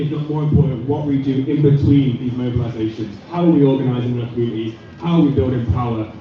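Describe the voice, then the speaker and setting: Upbeat man hosting a protest rally. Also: mid-range voice. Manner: upbeat, rhetorical questions. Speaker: rally host. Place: street protest outdoors. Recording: echoey, distant, muffled outdoor PA sound.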